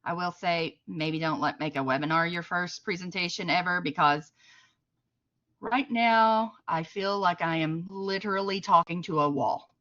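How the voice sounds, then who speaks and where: A woman with a Southern US accent giving a chatty, unhurried webinar presentation, with many fillers. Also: on the low side, sharp tone, dull audio. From American South. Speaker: library trainer. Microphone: computer mic at a desk.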